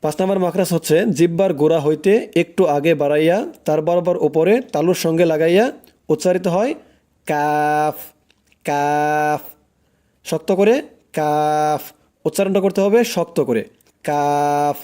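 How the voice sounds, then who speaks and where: Male teacher, fairly high, warm tone, patient drill-style delivery, says each sound over and over. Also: steady tone. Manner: repeats each letter sound slowly and firmly for the listener to copy. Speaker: Quran recitation teacher. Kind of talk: recorded pronunciation lesson.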